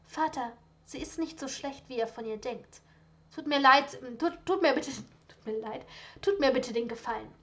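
A woman's voice: high voice, normal speed. A woman voicing a proud young aristocratic son, firm and insistent, in a storybook reading.

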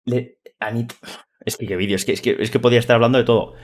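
A young man from Spain with a mid-range voice and a Spanish accent from Spain talks through a reaction video in a loose, excitable way. He jokes playfully and keeps up a running commentary. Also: medium pitch, fast talker, soft background music.

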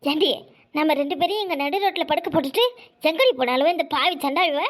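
A woman's voice: high voice, expressive, fast talker. A woman voicing a scheming old village mother who plays dead and grumbles and nags through a cartoon comedy. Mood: grumbling. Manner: grumbling, nagging. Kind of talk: cartoon voice acting.

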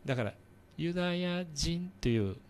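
A man hosting a church radio talk show, explaining patiently in a halting way with many fillers. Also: fairly high pitch, lively intonation, darkish tone, a little hiss or hum.

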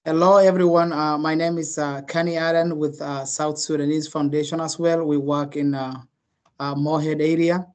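A man's voice: a little high, little pitch movement, normal speed, darkish tone. A man introducing himself on a video call, hesitant and full of uhs. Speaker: nonprofit staff.

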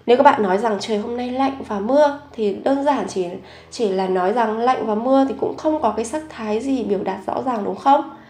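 A woman teaching a grammar lesson, explaining example sentences slowly and carefully and reading model sentences aloud more quickly. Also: on the high side, a little mellow, echoey room. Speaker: Korean language teacher.

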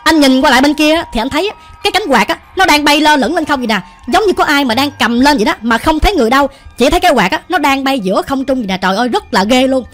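A woman's voice: high voice, lively intonation, rapid-fire, few pauses, fairly bright tone. A woman with a Southern Vietnamese accent, telling a ghost story in a chatty, colloquial way. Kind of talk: casual ghost story narration while cooking. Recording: light background music.

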